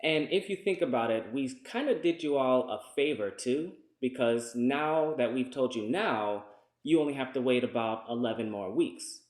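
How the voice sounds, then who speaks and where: A man's voice: medium pitch, moderate pace. A young adult man co-hosting a vlog, chatting to camera in an easygoing, joking way. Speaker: vlogger sharing family news. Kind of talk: casual chat to camera. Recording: roomy echo.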